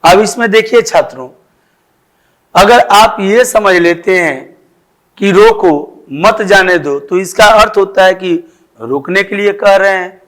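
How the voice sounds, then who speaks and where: A man's voice: sits high, measured pace, long pauses, fairly bright tone. A male teacher explaining grammar to schoolchildren, repeating examples with emphasis.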